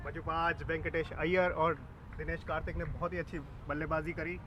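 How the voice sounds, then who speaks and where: A man's voice: fairly high pitch, little pitch movement, a little fast. A man with an Indian accent presenting live cricket coverage and putting questions to a guest. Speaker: commentator and interviewer. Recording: muffled audio with clear outdoor noise.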